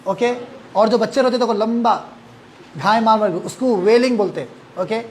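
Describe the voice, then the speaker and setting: A man's voice: sits high, moderate pace, a little mellow, slight background noise. Man teaching English verb forms. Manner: drills students with repeat-after-me, mixes English and Hindi-Urdu. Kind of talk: online verb-forms class.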